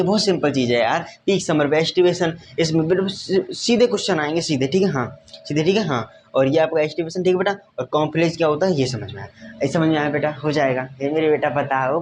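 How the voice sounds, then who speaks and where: A man's voice: on the high side, a little hiss or hum. Repetitive man teaching class. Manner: repetitive, addresses students as "beta", asks frequent checking questions. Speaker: science teacher. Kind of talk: classroom lecture with whiteboard.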